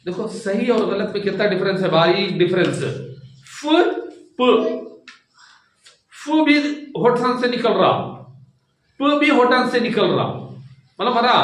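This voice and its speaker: A man's voice: sits high, a bit bright. A man teaching a Quran class, patiently drilling students and having them repeat each sound after him. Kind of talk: live online Quran lesson. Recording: echoey room, far from the mic.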